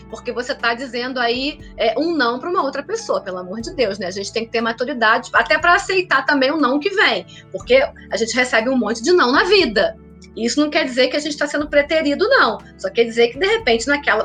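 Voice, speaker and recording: A woman, a meditation teacher and coach, giving earnest self-help advice in a live stream and often checking in with her listeners. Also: high voice. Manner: earnest, warm-toned advice with frequent tag questions.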